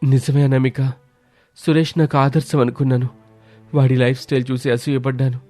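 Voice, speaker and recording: A man voicing a stubborn, status-obsessed young husband in an animated story. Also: mid-range voice, fairly quick, soft background music, close to an everyday voice. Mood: regretful. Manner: stubborn, boastful.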